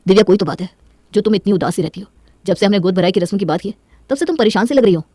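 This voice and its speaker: A woman voicing a caring, earnest young husband in a spoken moral story, gentle and reassuring. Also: mid-range voice, very fast, husky, dry recording, studio quality, close to an everyday voice. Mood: concerned. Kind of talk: Hindi moral story voice acting.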